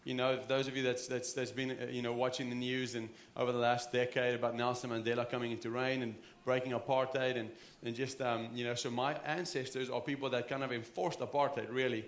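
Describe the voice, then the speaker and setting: In an echoey church sanctuary, a South African pastor in his thirties gives an earnest, conversational sermon full of restarts. He speaks a little fast in a level, mid-range voice, with hardly any pauses.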